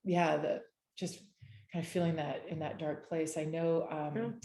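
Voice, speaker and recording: A woman's voice: sits low, fairly even intonation, unhurried, reverberant, crowd noise. A woman in her forties leading a discussion over a video call, earnest and rambling, with frequent restarts. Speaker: discussion leader. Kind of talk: casual video-call chat.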